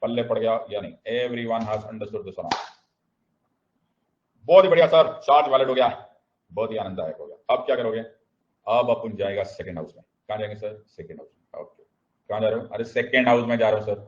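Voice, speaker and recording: A man's voice: fairly low pitch, a little fast, highs cut off. A man teaching a lecture who keeps checking that the class follows him, repeating key phrases and adding playful asides.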